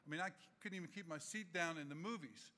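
A man in his sixties giving an animated, humorous acceptance speech from a podium microphone in a large auditorium. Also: on the high side, fast talker. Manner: animated, gesturing, humorous anecdotes.

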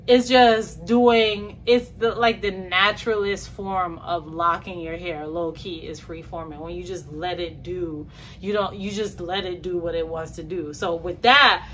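Chatting casually to the camera from her small bedroom, a young New York hair vlogger sprinkles her talk with slang and playful asides. Her voice is fairly bright and mid-pitched, and a little background noise can be heard.

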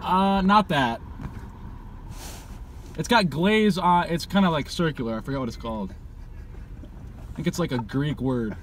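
Young man, fairly high voice, casual, vague and repetitive, in-car recording, light background noise. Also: fairly bright tone. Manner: hesitant, repetitive, deliberately vague. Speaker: prankster customer ordering from a car. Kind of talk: casual, stalling back-and-forth. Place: inside a parked car at a drive-thru. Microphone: camera on the passenger side.

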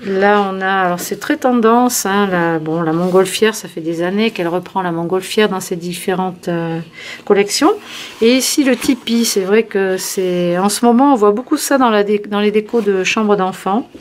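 A woman's voice: medium pitch, moderate pace, a little hiss or hum. A woman hosting a craft channel, chatting casually through a product review with many fillers and restarts. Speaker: scrapbooking channel host.

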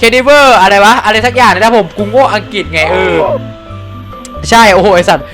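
Excitable swearing young gaming host. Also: male voice, sits high, normal speed, over music. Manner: excitable, swears a lot, jokey boasting. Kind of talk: casual let's-play commentary.

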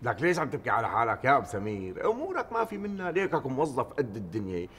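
An actor with a Syrian accent playing a cheerful, easygoing petty thief with a breezy manner. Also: male voice, medium pitch, racing, a little hiss or hum. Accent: Syrian Arabic. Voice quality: breezy, animated.

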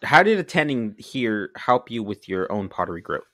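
A lively young adult man hosts a casual podcast interview, opening with upbeat, friendly patter. His voice is fairly low and moves at a moderate pace. He records in a small indoor room on a large studio mic mounted on a boom arm.

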